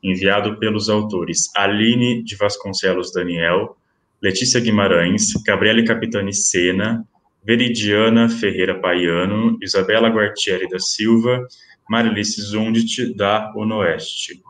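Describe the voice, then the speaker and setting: A man presenting at an online academic event, reading out award certificates in a formal, steady listing manner. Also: on the low side, a little slow, roomy sound. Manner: steady listing of titles and names.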